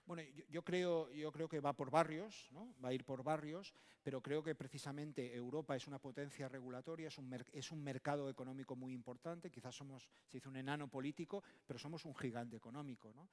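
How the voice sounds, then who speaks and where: Un hombre español, autor de un libro, hablando en un panel de congreso, de manera enfática y enumerando ideas. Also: male voice, medium pitch, fairly quick, few pauses. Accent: Spanish from Spain. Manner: emphatic, lists ideas, frequent tag questions. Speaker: book author and speaker. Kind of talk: conversational panel talk. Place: conference hall. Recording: long hall reverb.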